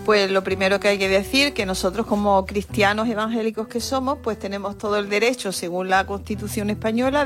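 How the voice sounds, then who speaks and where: A woman who teaches evangelical religion, a guest on a talk show, explaining her work earnestly and at length. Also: mid-range voice. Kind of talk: radio talk show conversation.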